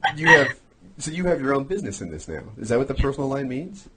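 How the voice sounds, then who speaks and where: A man's voice: medium pitch, very animated, quick pace, bright, forceful tone, rough recording. A man co-hosting a podcast, asking curious questions and laughing easily. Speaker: co-host. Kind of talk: casual podcast chat.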